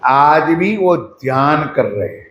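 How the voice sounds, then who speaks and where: A man delivers a devotional sermon in a high voice. He asks his listeners questions directly and slows down to chant mantras. The sound rings around an echoey hall. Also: animated, fairly bright tone, lo-fi sound. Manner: addresses the audience directly with questions. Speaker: preacher. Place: ashram hall.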